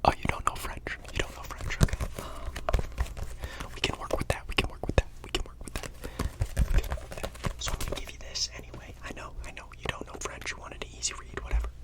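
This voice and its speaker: A fully whispered role-play in a hushed library whisper. Someone acts out an easygoing but slightly pushy librarian recommending books. Phrases are often softly repeated, with no full voice behind them. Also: quick pace, natural voice. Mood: hushed, helpful.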